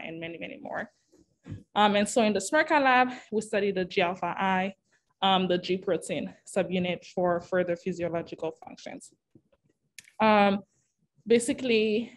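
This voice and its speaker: Young woman grad student from Haiti, earnest presenter on a video call, filler-heavy. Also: mid-range voice. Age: young adult. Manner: earnest, explanatory, frequent ums. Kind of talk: virtual research presentation.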